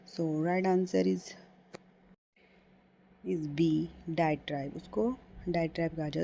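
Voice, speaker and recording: A woman goes through an exam quiz option by option, in a low, mellow voice. She reads the questions out slowly and explains them more quickly in Hindi. The recording is dull and lo-fi, with a faint hiss behind her. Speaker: exam prep teacher. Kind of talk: quiz-style lesson reading out multiple-choice answers.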